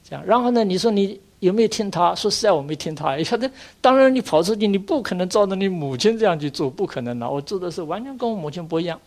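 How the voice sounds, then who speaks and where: Older male monk, dharma lecture, gravelly and a touch high-pitched, earnest and exhorting, lots of drawn-out filler sounds. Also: expressive. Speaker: Buddhist monk teacher.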